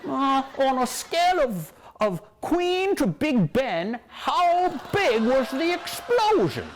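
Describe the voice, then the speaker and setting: A man's voice: very high voice, big pitch swings, takes it slowly, crowd noise, noisy background, voice pushed up, heavily acted. A man voicing a bumbling British police officer, with a put-on British accent. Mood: puzzled.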